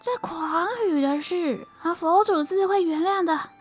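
A woman voicing a wise, wily old male monk, speaking slowly and calmly, and at times in a frantic rush. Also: very high voice, soft background music, voice pushed up. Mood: calm, sly. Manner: slow, calm chanting, turning frantic.

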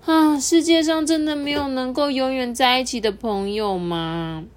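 A woman voicing a lonely little red button in a children's story, high and childlike. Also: normal speed, natural voice. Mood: eager.

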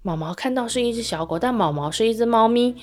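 A woman narrating a children's story, gentle and animated, asking young listeners questions. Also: a little high, quick pace.

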